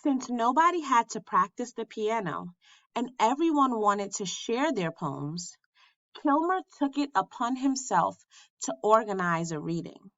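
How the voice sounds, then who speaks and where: A woman reads a picture book aloud in the manner of a teacher with her class. Her pitch rises and falls freely as she savours each phrase, taking her time. The recording is slightly dull and lo-fi. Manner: slow, expressive storytelling. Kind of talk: storybook read-aloud.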